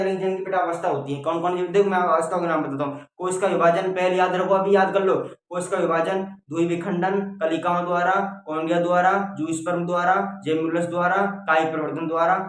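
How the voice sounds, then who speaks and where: A man teaching a biology lesson, repeating points and checking in with "theek hai?" and calling students "beta". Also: high-pitched. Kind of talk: classroom-style lecture. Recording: very echoey room, mic far off.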